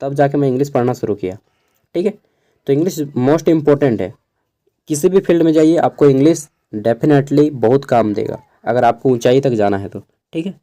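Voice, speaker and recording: A man's voice: mid-range voice, normal speed, mellow. A young man from Jharkhand with Khortha as his first language, giving a casual exam-prep lesson, spelling words out letter by letter and often checking that listeners follow. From Jharkhand, India. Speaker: teacher.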